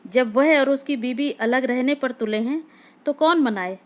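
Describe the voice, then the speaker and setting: A woman's voice: sits high, unhurried. A woman voicing a weary middle-aged village aunt who gives tired, curt replies.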